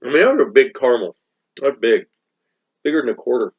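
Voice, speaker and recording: Casual male co-host, mid-pitched, chatty and analytical, talking with his mouth full; dull, lo-fi home audio. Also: sing-song, brisk, slightly rough. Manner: chatty, analytical, talks while chewing. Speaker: candy reviewer co-host. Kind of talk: casual chat.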